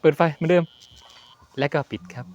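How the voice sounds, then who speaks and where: A man's voice: fairly quick, a little mellow, dull audio, slight background noise. A man hosting a horror game let's play, chatting jokily and yelping and swearing when startled.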